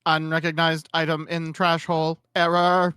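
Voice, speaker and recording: A man's voice: fairly high pitch, monotone, moderate pace, pushed and bright, smooth, no echo, clean studio sound, pitched above the performer's own voice. A man doing a robot voice for a talking robot car in an improvised fan story, speaking in clipped, beeping machine announcements. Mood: error alert.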